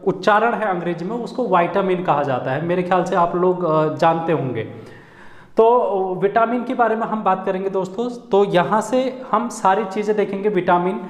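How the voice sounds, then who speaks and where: High-voiced coaching teacher, echoey room. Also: male voice. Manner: chatty, repeats "friends" often. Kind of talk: casual classroom lecture. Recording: echoey room with long reverb.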